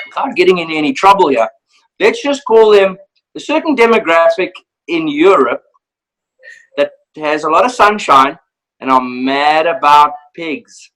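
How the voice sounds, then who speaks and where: A man, a professional hunter, telling a lively story in a casual, animated way and acting out voices. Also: on the high side, measured pace, low-quality recording. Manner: animated, laughing, acts out voices.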